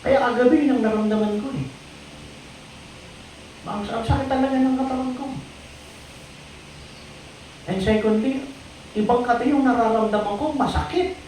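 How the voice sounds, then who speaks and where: In a church hall, a preacher delivers a sermon in call-and-response style, asking the congregation for amens and swinging from loud exclamations to low, quiet phrases. He speaks at normal speed with frequent pauses. The hall is very echoey, the voice comes from far off, and there's slight background noise.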